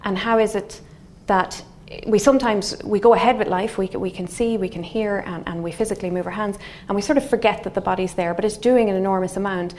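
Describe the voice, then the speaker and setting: A middle-aged woman from Galway with a west of Ireland accent, a scientist giving an explanatory lecture in a thoughtful, halting, semi-conversational way. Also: mid-range voice. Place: indoor wood-panelled lecture room. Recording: faint steady room noise.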